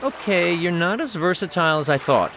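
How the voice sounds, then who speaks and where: A man's voice: high-pitched, expressive, a little fast, fairly bright tone, soft background music. A man voicing a cocky, sardonic young male wizard in a video game, grumbling and flippant. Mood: sarcastic.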